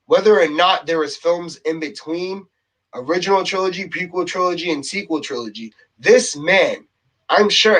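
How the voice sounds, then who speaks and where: On a low-quality recording, a high-pitched, slightly bright male vlogger rants to camera by himself. He sounds exasperated and heated, a little breathless, and keeps repeating himself, finishing points with "okay?".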